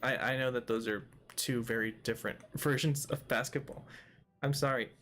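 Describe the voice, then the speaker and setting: A man's voice: medium pitch, fairly even intonation, moderate pace, fairly bright tone, slight background noise. A man hosting a let's play, giving casual, rambling commentary full of jokes and talking to the game's characters. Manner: jokey, rambling, talks to game characters.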